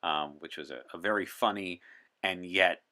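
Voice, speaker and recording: In an in-character podcast interview on science fiction and current events, a man poses as a time traveler from 1964. He speaks at a normal speed in a low, bright, forceful voice, explaining matters articulately and with erudition.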